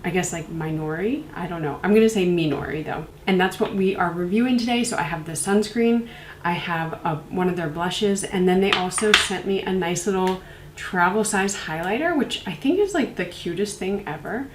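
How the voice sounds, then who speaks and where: A woman's voice: mid-range voice, lively intonation, moderate pace. Woman with a stuffy cold voice, chatty skincare vlog, lots of fillers, faint room noise, echoey. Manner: chatty, rambling, many fillers like "like" and "um". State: congested from a cold. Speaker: beauty reviewer. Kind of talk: casual product review vlog.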